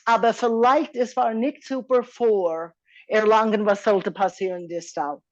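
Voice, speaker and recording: A woman therapist in a casual journal-club discussion, mixing English words into halting German. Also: medium pitch, darkish tone, no echo, highs cut off.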